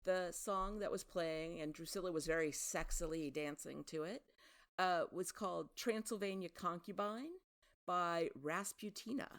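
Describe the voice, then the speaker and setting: A woman's voice: on the low side, unhurried, a bit bright. A woman hosting a podcast, chatting casually and sharing trivia with a self-deprecating manner. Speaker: podcast host.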